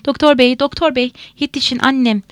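A woman's voice: medium pitch, little pitch movement, normal speed, creaky, darkish tone, no echo, close to an everyday voice. A woman reading a novel aloud, voicing a frightened young woman who pleads in tears. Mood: frantic. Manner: pleading, tearful. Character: young woman, frantic and sobbing.

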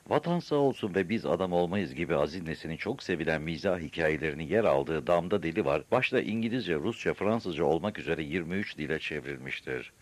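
A man narrating an audiobook in a recording studio, lively storytelling. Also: extremely low pitch. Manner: lively storytelling, voices the characters. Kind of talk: scripted narration.

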